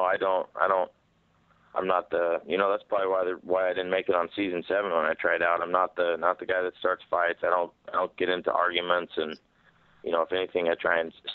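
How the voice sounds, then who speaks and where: A deep-voiced man speaks in a flat tone down a narrow phone line. He gives casual fighter interview answers, often repeating himself. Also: dry recording. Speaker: fighter answering media questions. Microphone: telephone. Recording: narrow dry telephone line.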